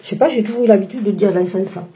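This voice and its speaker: A woman's voice: medium pitch, racing, mellow. A woman casually showing her cross-stitch projects, talking with many hesitations and restarts. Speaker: embroidery vlogger. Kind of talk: casual show-and-tell chat.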